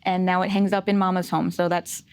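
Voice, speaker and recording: A woman's voice: fairly low pitch, little pitch movement, brisk, a little mellow, clear, resonant tone. A woman in her thirties from Rhode Island, with no regional accent, chatting upbeat and encouraging as a guest on a workplace interview show. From Rhode Island, USA. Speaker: guest, associate data analyst. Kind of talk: casual interview chat.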